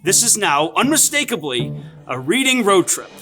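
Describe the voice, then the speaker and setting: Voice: mid-range voice, big pitch swings, moderate pace, music in the background. A performer voicing Checkers, an adventurous companion who speaks earnestly and dramatically.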